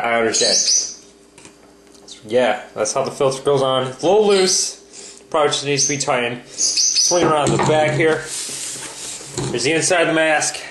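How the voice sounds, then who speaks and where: A young American man hosts a homemade mock review. He talks casually and haltingly, deadpan with plenty of swearing. The handheld camera picks up a roomy echo and some light noise, and his pitch sits in an ordinary male range. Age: young adult. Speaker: video host. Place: indoors at home. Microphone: handheld camera at arm's length. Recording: echoey room, noisy handheld camera audio.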